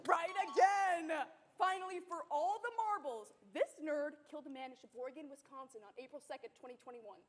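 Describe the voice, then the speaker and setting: A woman's voice: high-pitched, a little fast, hardly any pauses, lightly acted. A woman playing a gleefully cruel game show host in a comedy sketch, announcing prizes in a showy, mocking way. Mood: triumphant, showy.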